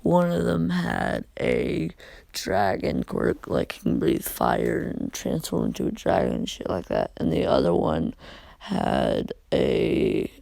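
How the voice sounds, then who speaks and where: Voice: extremely low pitch, big pitch swings, slow pace, creaky, a little mellow, no room sound. A fan storyteller improvising a story in a rambling, casual way with many asides. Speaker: fan fiction narrator.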